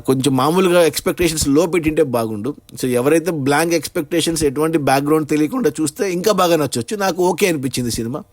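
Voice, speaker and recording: A man's voice: fairly high pitch, darkish tone, no echo. A man giving a casual, rambling spoken film review, with frequent fillers and restarts.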